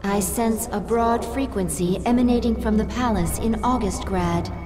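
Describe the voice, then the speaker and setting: A woman voicing a calm, dutiful alien servant in a game, reporting formally in measured sentences. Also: medium pitch, music in the background, lightly acted. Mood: formal, composed.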